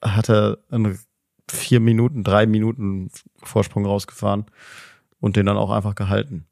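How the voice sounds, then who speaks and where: Ein Mann, der als Co-Host in einem lockeren Podcast-Gespräch scherzt, oft lacht und Schlagzeilen vorliest. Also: male voice, fairly low pitch, flat delivery, normal speed, vocal fry, darkish tone, no room sound, studio quality. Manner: jokey, laughs often, reads headlines aloud. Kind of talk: casual podcast chat.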